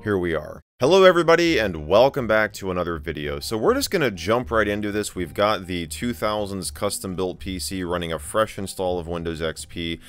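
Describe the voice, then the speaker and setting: A man hosting a tech video, narrating a software demo in a casual, conversational, wryly amused way. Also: sits low, smooth. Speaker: host of a tech video channel.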